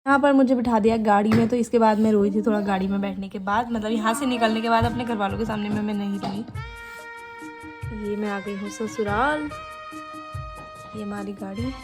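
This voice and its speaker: Recorded afterward rather than at the wedding shown, this vlog voice-over features a young Uttarakhand woman who rambles casually, laughing now and then, about her wedding pictures. She talks fairly quickly in a steady, medium-pitched voice over clear background music.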